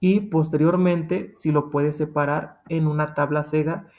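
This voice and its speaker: A man's voice: fairly high pitch, fairly even intonation, a little slow, darkish tone. A man with a Mexican accent teaching a grammar lesson, patient and repetitive, often checking in with "ok?". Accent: Mexican Spanish.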